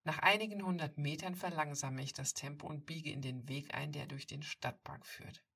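A woman reading a first-person story aloud, intimate and softly told, on a distant mic. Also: deep voice, steady tone, moderate pace, vocal fry, husky. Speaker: audiobook reader.

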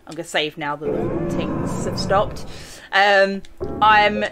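A young woman from England hosts a gaming channel, offering chatty, exclamatory let's play commentary as she plays a video game and often breaking into laughter. Her voice is medium in pitch and she takes it slowly, speaking over music.

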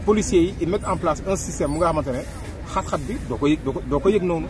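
Outdoors beside a busy road, with street traffic noise behind him, a middle-aged man with a Senegalese accent shares his opinions in a street interview. He is recorded close on a handheld mic. His voice is a little high and he talks fast, animated, gesturing with his hands and mixing two languages.

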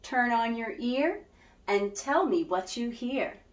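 A woman's voice: fairly high pitch, animated, slow pace. A woman music teacher leading a children's lesson, cheerful and guiding with call-and-response. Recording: roomy echo.

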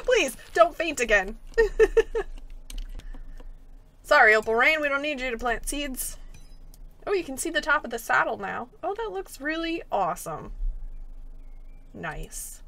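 Bright, high-voiced young woman. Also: big pitch swings, unhurried, pauses often. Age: young adult. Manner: giggly, enthusiastic. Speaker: host of a video game play-through. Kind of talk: casual gameplay commentary.

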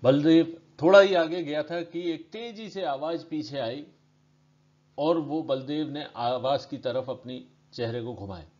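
A man reading his own story aloud in steady, measured narration. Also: a little high. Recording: dull lo-fi recording.

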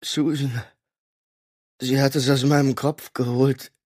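A man voicing a dying older father who speaks weakly and haltingly in an audiobook. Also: medium pitch, flat delivery, darkish tone, no room sound, studio quality. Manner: weak, halting, breathy.

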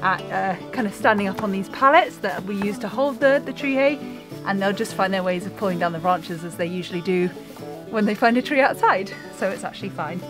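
A young woman hosting a farm vlog, talking in a relaxed, thoughtful way with plenty of fillers, filmed outdoors and in a goat shed. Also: medium pitch, a little fast, over music. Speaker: farmer and vlog host.

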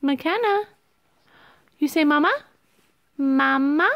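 A woman's voice: sits high, takes it slowly, no room sound, highs cut off. A woman talking baby talk to her infant, coaxing and squealing praise in a sing-song voice. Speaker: mother filming her baby.

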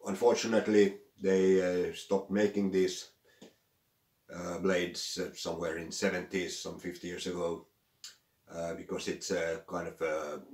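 An older man, a craftsman talking casually about his work in a workshop, pausing often with "uh". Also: deep voice, echoey room. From Finland. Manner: unhurried, with frequent "uh" pauses. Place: cluttered indoor workshop.

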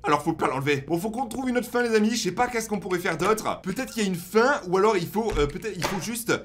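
A young man playing a horror game and commenting excitedly to his viewers, reading the game's prompts aloud. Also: sits high, fast talker, faint music behind. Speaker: gaming YouTuber. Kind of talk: let's play commentary.

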